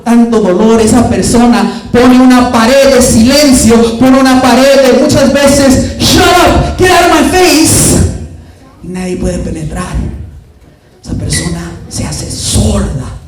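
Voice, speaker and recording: High-pitched guy preaching at a church prayer night, super echoey hall, mic way off, bit of hiss, flips spanish and english. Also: darkish tone. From California. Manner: switches between Spanish and English, acts out voices. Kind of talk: energetic preaching with acted stories. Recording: very echoey hall, mic far off, faint noise.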